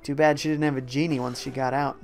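A man's voice: medium pitch, flat delivery, quick pace, creaky, faint music behind. A young man casually commentating a live game stream, reading viewer chat aloud and reacting to the gameplay. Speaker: gaming streamer.

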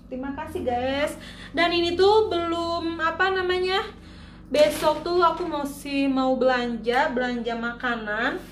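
A woman's voice: fairly high pitch, fairly bright tone, slight background noise. Chatty Indonesian woman vlogging in an echoey room. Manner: chatty, showing items to camera. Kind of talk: casual vlog chat.

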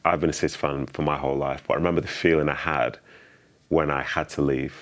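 Very deep-voiced Mancunian man interviewing. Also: steady tone, quick pace, a bit bright. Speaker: interviewer and former player. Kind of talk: conversational sit-down interview. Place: indoor studio on a sofa.

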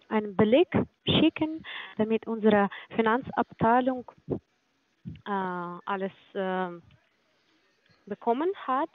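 On a muffled phone line with no echo, a woman in her twenties pretends to be a finance company agent. She speaks at a fairly high pitch, hesitating and breaking off her phrases as she talks.

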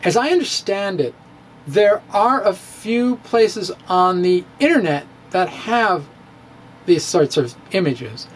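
Close to a stand-mounted studio mic in his bookshelf-lined home study, a middle-aged man theatrically reads his own physics blog, chuckling and tossing in asides. He has a high, expressive voice and takes things slowly. The low-quality recording carries a little hiss or hum.

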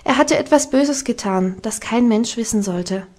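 A woman narrating a classic children's novel as an audiobook, with calm, even storytelling. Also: fairly high pitch, normal speed. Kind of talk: scripted narration.

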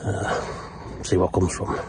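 Chatting slowly to his phone camera, held at arm's length, a middle-aged angler vlogs by a lake and later inside a fishing shelter at night. He is plain-spoken and often trails off with an "uh," while outdoor noise comes through clearly.

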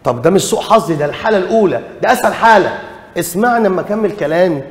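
A man's voice: high voice, animated, rapid-fire, echoey room, long reverb tail. A man with an Egyptian Arabic accent teaching an exam revision lesson, emphatic, repeating key rules and quizzing his students.

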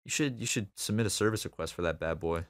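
A man's voice: low voice, fast, no echo, studio quality. A man co-hosting a podcast, chatting casually and rambling through jokey stories. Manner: rambling, jokey, lots of likes and restarts. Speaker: podcast co-host. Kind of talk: casual chat.

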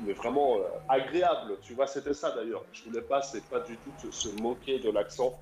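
A man in his thirties calls in to a radio show over the internet, talking briskly at a medium pitch above a noisy crowd. It's a casual call-in chat, and he's enthusiastic and rambling, full of fillers, with a roomy echo and faint music behind him.

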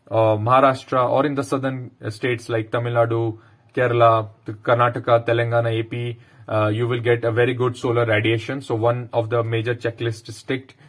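A man in his thirties with an Indian English accent, explaining a topic to camera and pausing often on "uh". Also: mid-range voice. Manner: explanatory, frequent "uh" fillers. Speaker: power sector consultant. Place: bedroom, indoors.

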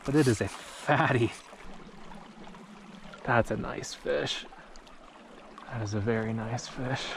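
A man in his thirties with a mid-range voice narrates his outdoor fishing trip, exclaiming excitedly every time he hooks a fish. The fishing vlogger is at a small creek in an open mountain valley, recorded on a head-mounted action camera with a little hiss or hum.

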